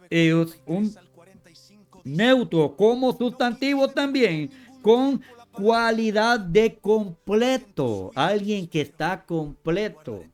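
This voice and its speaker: A man teaching from scripture, going through word meanings in long lists, often repeating words and correcting himself. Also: high-pitched. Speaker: Bible teacher.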